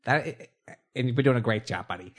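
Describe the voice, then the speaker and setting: A man's voice: mid-range voice, brisk, a bit bright. A man playing a tabletop game, laying out plans in a reassuring, casual way. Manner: planning, reassuring. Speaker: player.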